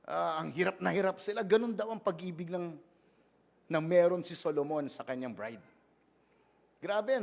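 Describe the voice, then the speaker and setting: A Filipino man preaches in a high, light voice. He moves easily between Tagalog and English, jokes with his congregation and checks in with them again and again. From Philippines. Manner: playful, joking, often asks the congregation "di ba?". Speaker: pastor. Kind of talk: conversational sermon mixing Tagalog and English.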